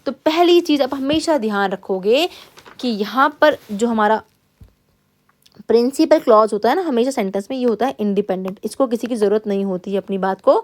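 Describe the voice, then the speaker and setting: A woman with a fairly high voice teaches an exam-preparation class. She reads English passages out slowly and carefully, then explains them, checking in with her students again and again. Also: a little mellow. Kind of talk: classroom-style exam lesson.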